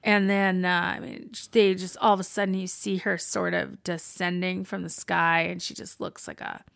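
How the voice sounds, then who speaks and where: Gravelly-voiced woman gushing over a show. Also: fairly low pitch, normal speed, no echo, clean studio sound. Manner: excited, swears freely, recaps scenes with gusto. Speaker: podcast co-host. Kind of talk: casual TV recap chat.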